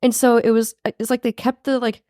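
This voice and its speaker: A woman co-hosting a casual recap podcast, talking informally with a creaky voice full of vocal fry. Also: a little high, little pitch movement, brisk, warm tone, dry recording, studio quality. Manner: informal, swearing, frequent "like". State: husky from recent covid. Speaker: podcast co-host.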